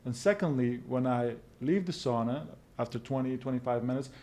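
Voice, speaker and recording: A man's voice: medium pitch, brisk, a little mellow. Belgian-raised man in his forties. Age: 40s. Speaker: podcast guest. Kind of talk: casual podcast conversation.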